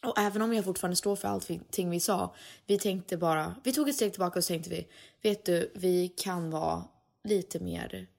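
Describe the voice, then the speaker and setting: Podcast co-host, female, low with some vocal fry, casual chatter with English mixed in. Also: fairly even intonation, a little mellow. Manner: mixes in English phrases, chatty and advising. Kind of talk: casual chat.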